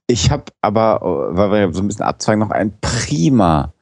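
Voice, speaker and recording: Very deep-voiced man, dry and precise. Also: big pitch swings, normal speed, darkish tone, no room sound. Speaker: co-host. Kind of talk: casual podcast discussion.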